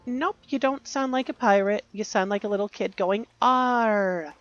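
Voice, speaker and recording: A woman's voice: mid-range voice, brisk, dull audio, soft background music. A woman giving casual, rambling commentary while playing a video game, musing aloud and correcting herself. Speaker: gaming youtuber.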